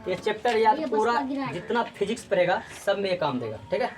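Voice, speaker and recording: A woman's voice: medium pitch, sing-song, fairly quick, darkish tone. A woman teaching a physics class, drilling students with repeated call-and-response questions. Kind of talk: classroom lecture.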